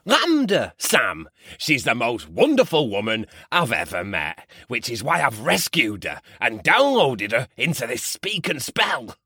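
A man's voice: medium pitch, wildly swooping pitch, measured pace, pushed and bright, husky, no echo, studio quality, exaggerated voice. An actor playing a paranoid, crude male field reporter, gushing over his love with wild swings in his voice. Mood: lovestruck.

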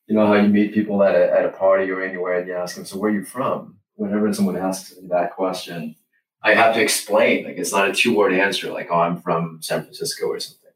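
Low-voiced man on an echoey distant line. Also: brisk. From Hong Kong. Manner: relaxed, self-deprecating, repeats words when starting. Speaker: guest, chief financial officer. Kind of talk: casual interview chat. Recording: distant echoey remote audio with faint noise.

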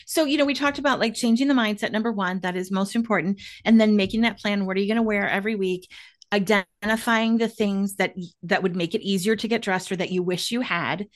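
A woman's voice: medium pitch, fairly quick. A woman in her forties, a wardrobe stylist, giving upbeat, emphatic advice in casual chat and repeating key points. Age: 40s.

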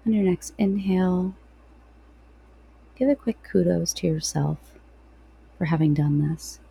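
Soft, slow woman guiding meditation, dark voice. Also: fairly low pitch, gravelly, slightly rough, rough recording. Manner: soft, slow, soothing delivery with long pauses. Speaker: podcast host. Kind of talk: guided breathing meditation.

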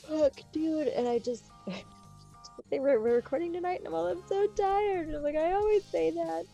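A woman's voice: sits high, normal speed, vocal fry, faint music behind. A woman co-hosting a podcast in casual chat, laughing and swearing freely as she tells stories. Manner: swearing, laughing, animated storytelling. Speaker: podcast co-host.

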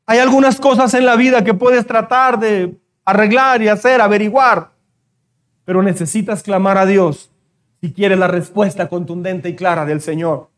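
A man's voice: high voice, normal speed. A middle-aged man preaching a sermon as pastor, fervent, repeating key phrases and speaking straight to the congregation. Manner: addresses the congregation directly.

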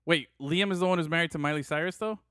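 A man hosting a casual chat, excitable and quick to exclaim, swinging between loud outbursts and low mutters. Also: clear, resonant tone, no echo, studio quality. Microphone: studio microphone.

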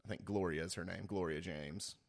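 A man's voice: sits low, fairly even intonation, a little fast, vocal fry. A young man co-hosting a casual sports podcast, rambling with fillers and laughing often. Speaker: podcast co-host. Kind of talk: casual chat.

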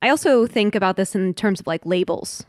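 A woman in her thirties talks through her life in a thoughtful, open way, slowing down when she reaches heavy points. Her voice is smooth and clear, and the recording is close and dry, with no room sound. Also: medium pitch, expressive, dry recording. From Washington, D.C., United States. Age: 30s. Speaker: podcast guest. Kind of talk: reflective interview conversation.

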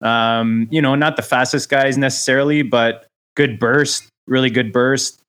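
A man appearing as a guest on a casual sports podcast, talking in a halting way, often repeating words and joking about himself. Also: mid-range voice, fairly even intonation, a bit bright, clean tone.

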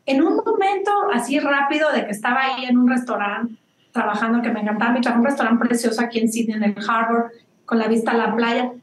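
Mexican lady in her 40s chatting away in an interview, high voice, lots of "right?" tags, kinda echoey room. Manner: animated, chatty, tag questions, slips into English words. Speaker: guest, business founder. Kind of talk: lively storytelling interview. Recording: roomy room with faint background noise.

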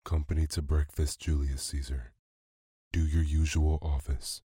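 A man's voice: a bass voice, level tone, measured pace, warm tone, slightly rough, no room sound, clean studio sound, heavily acted. A man voicing a drunken, ragged man who repeats himself with fierce insistence. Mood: raving.

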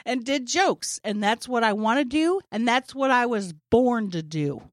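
A woman's voice: on the high side, expressive, unhurried, dry recording, studio quality. A woman co-hosting a podcast, talking candidly and animatedly in casual chat. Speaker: podcast co-host.

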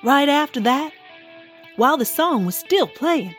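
A woman's voice: high-pitched, big pitch swings, a little slow, a bit bright, faint music behind, exaggerated voice. Woman as a chatty Christmas bauble. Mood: gossipy. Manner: chatty, matter-of-fact storytelling. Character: chatty, friendly female Christmas ball ornament, newcomer. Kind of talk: children's audio drama acting.

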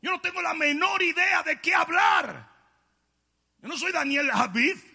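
A man voicing a frightened young male prophet who shouts and pleads that he cannot speak. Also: very high voice, animated, a little slow, vocal fry, in a large hall, voice pushed up, heavily acted. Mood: panicked pleading.

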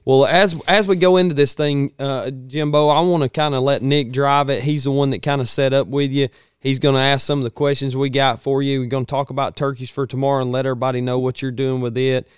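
A man with a Georgia Southern accent hosts in a folksy, conversational style. His voice is clear and resonant, recorded dry in a studio. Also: mid-range voice, fairly even intonation, brisk, no room sound. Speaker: podcast host. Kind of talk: casual outdoors podcast chat.

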